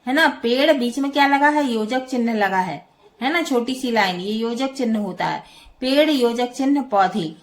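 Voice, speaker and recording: A woman teacher going through a textbook's question-answer exercises for children, patient and repetitive, checking in often. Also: a little high. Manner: patient, repeats words slowly and checks with "है ना".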